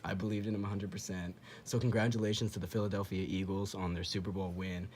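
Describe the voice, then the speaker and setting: Excitable man breaking down game footage. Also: low-pitched, fast, slight background noise. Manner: excitable, repeats himself, acts out quoted dialogue. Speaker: channel host. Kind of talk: casual commentary over game footage.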